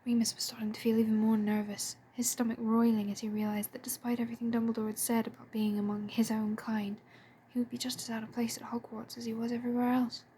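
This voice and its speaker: A woman narrating a story in a soft, hushed, breathy voice, pitched fairly high yet mellow in tone. A faint hiss of noise sits under the reading. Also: level tone, fast talker, hardly any pauses. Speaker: fan audiobook reader.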